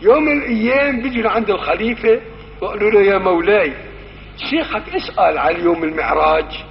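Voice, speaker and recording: Syrian sheikh telling stories in a lesson, long hall echo, faint hiss behind. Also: male voice, sits high, quick pace. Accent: Syrian Arabic. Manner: acts out dialogue in shifting voices. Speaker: religious teacher. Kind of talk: storytelling religious lesson. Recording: muffled old recording in a reverberant hall.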